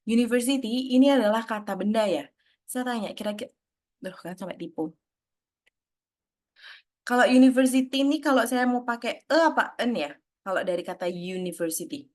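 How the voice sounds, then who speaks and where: A woman's voice: on the high side, normal speed. A woman giving an online grammar lesson, explaining step by step, putting questions to her students and dropping English terms into her talk. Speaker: English teacher.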